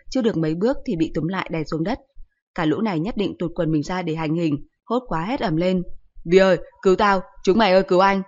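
A woman reading a story aloud, with gentle, nostalgic narration. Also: fairly low pitch. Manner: gentle, nostalgic narration, voicing all the children. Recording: slightly dull lo-fi audio.

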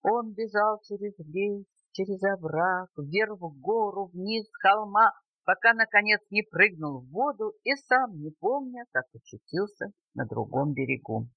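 An older woman reading a children's story aloud for her grandson, expressive and lilting, recorded at home on cassette tape. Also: medium pitch, measured pace, dry recording, muffled recording.

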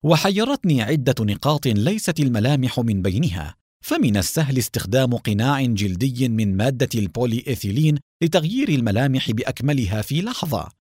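A composed police captain, read by a man narrating reasons aloud in a calm, even-paced manner with a lively melody. The voice sits close in a dry recording. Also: medium pitch, breathy edge, no echo. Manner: calm and measured.

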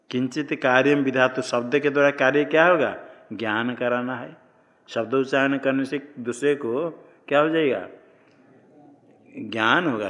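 A man's voice: mid-range voice, a bit bright. A man teaching Sanskrit grammar as a classroom lecture, explaining step by step and asking questions that he then answers himself. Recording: long reverb of a lecture hall.

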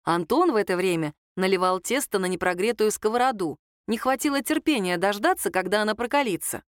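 A woman reads an audiobook in a steady, lightly wry storytelling voice. Her pitch sits in a middle range. The recording is close and dry. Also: fairly quick, clean tone, dry recording. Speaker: audiobook narrator. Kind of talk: scripted narration.

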